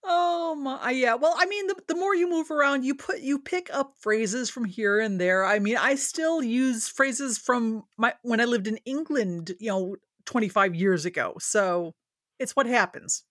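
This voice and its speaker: A woman's voice: a little high, unhurried, no room sound, clean studio sound. A woman hosting a podcast and chatting casually with a guest, teasing and laughing often. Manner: laughs a lot, lively teasing. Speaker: podcast host and writer.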